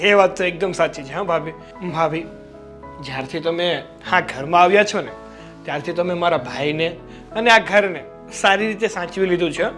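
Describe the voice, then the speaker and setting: An actor playing an earnest young brother-in-law who tries to persuade his sister-in-law and gets loud. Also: sits high, normal speed, faint music behind. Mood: flattering.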